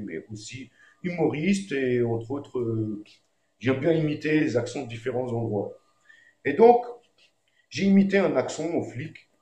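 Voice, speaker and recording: A man who sings reggae and does comedy tells a story in a relaxed, slangy way, with fillers everywhere. His voice sits on the low side. The sound is roomy and echoey. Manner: laid-back, slangy, frequent fillers. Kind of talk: casual storytelling.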